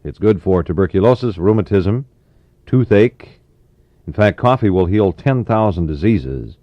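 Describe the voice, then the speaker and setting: Speaking in a low, animated voice without rushing, an American man works as a 1960s middle-of-the-road radio DJ, chatting folksily and easily. The studio sound survives as a dull, roomy AM aircheck from that decade.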